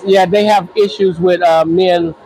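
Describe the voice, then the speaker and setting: A man in his sixties from the United States, answering interview questions in a halting, earnest way with many restarts. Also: high voice, steady tone, a little mellow, poor audio. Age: 60s. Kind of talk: casual interview.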